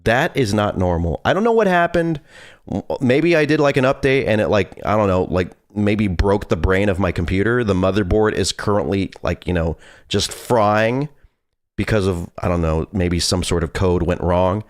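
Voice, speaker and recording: A man's voice: lowish voice, lively intonation, moderate pace, dry recording, clean studio sound. A man in his twenties live-streaming a horror game with casual, nervous, scared commentary and some swearing. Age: 20s.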